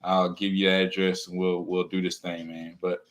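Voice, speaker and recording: A teacher who also vlogs about real estate wholesaling gives a casual motivational talk to camera in a low, flat voice at normal speed. He speaks earnestly and encouragingly to viewers, peppering his words with "man" and "you know what I'm saying."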